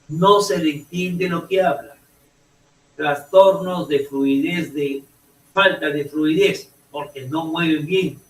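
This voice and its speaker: A male teacher gives a slow, halting classroom lecture in a somewhat high voice, often restarting phrases and checking that students follow. The sound bounces around a roomy classroom. The mic sits well away from him. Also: recorded from a distance. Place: echoey classroom.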